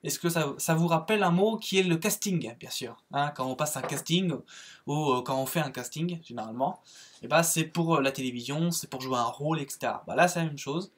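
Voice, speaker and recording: A French man with a French accent giving a casual spoken lesson on English verbs, halting, with many fillers and restarts. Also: on the high side, a little hiss or hum. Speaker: English teacher, channel host.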